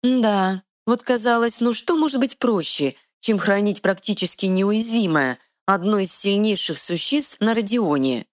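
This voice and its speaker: A woman voicing a tiny, sharp-tongued female fairy guardian with quick retorts, in a dry close recording. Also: medium pitch, expressive, dry recording, pitched above the performer's own voice, lightly acted. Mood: feisty.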